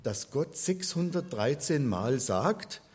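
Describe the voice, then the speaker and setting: Slow, husky man teaching. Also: mid-range voice, animated. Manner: patient, spells things out step by step. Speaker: religion teacher. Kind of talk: explanatory lecture.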